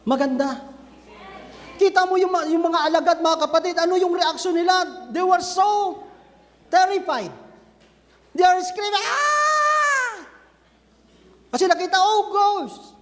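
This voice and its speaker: A man preaching a sermon to a church group, talking to the brethren and acting out scenes in an animated way. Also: very high-pitched, long reverb tail. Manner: switches between Filipino and English, addresses listeners as brethren; animated, acts out scenes with raised voice. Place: church cell group gathering.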